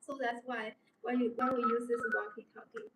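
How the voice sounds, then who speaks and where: In a slightly high voice with a level tone and normal speed, a young non-native English speaker runs a live-stream product demo, unscripted and repetitive. The setting is an indoor showroom studio with a desk and backdrop; the audio is roomy and distant, with background noise.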